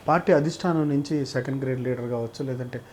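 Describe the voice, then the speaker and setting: A man's voice: mid-range voice, fast, darkish tone, a little hiss or hum. A man interviewing, asking probing questions. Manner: probing, many short acknowledgements.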